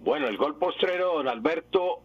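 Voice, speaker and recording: A man's voice: a little high, lively intonation, moderate pace, husky, no room sound. A man who is the language expert on a radio show, patiently explaining spelling rules and repeating his examples one by one. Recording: dull lo-fi radio broadcast.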